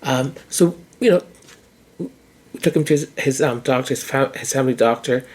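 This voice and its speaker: Talking at normal speed, this hoarse podcast host has a medium pitch and a darkish tone. His relaxed monologue thinks out loud, frequently stopping to restart or repeat words partway through a thought.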